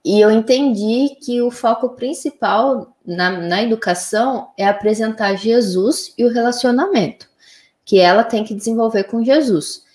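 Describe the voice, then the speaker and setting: A woman, a mother, calmly explaining her views on raising children in casual conversation. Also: a little high, normal speed, echoey room. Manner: calm, explanatory, frequent "né?".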